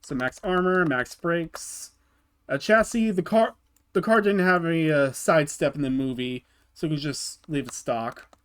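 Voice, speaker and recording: Halting man narrating a game build. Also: on the high side, a bit bright, smooth. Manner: halting, often restarts and repeats words. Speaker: gaming channel host. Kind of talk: casual game build tutorial voice-over.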